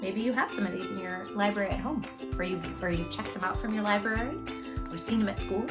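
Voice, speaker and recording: With loud music in the background, a storytime host reads a picture book to young children at a fairly quick pace in her medium-pitched voice. She reads expressively and talks to her small listeners in a direct, effusive way.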